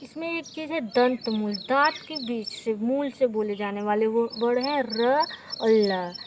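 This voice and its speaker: A woman teaching a grammar lesson at a slow, deliberate pace, her voice set a little high. She walks through each point step by step, asks her students questions and then answers them herself. Faint hiss sits under the recording. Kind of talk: exam-prep grammar lesson.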